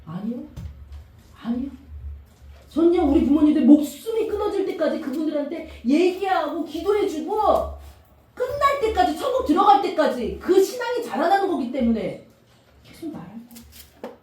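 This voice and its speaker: A middle-aged woman pastor preaching a sermon, animated and emphatic, asking the congregation questions. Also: sits high, normal speed. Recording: echoey room from far off.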